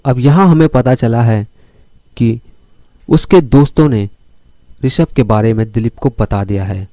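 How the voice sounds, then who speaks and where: A man's voice: medium pitch, unhurried, warm tone, no echo. A man narrating a crime story as a storyteller, leading his listeners step by step through the events. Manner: addresses listeners directly while telling the story.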